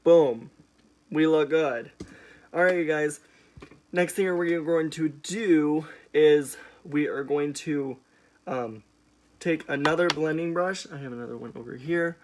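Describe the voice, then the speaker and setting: A man's voice: on the high side, a little slow, slight background noise. Man, young adult, sassy drag queen manner, emphatic, casual makeup tutorial talk. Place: indoors, small room at home.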